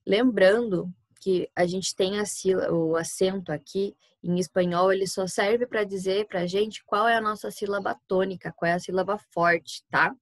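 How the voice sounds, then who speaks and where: A woman's voice: medium pitch, steady tone, moderate pace, hardly any pauses, no room sound. A woman with a Brazilian Portuguese accent, a Spanish teacher giving a recorded online class, patiently explaining step by step and often checking in with her students.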